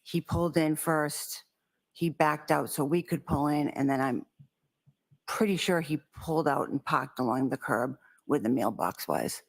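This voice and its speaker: A middle-aged woman answers questions on the witness stand, her replies brief and hesitant. Her voice is very low with a gravelly fry. It is heard as a courtroom recording. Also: unhurried, poor audio. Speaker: trial witness. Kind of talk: witness testimony.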